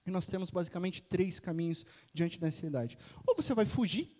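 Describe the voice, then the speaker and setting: A man's voice: high voice, animated, a little fast, a little mellow. A Brazilian man preaching a sermon as pastor, telling a family story with chatty asides and frequent tag questions. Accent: Brazilian Portuguese. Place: church sanctuary. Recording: echoey church hall.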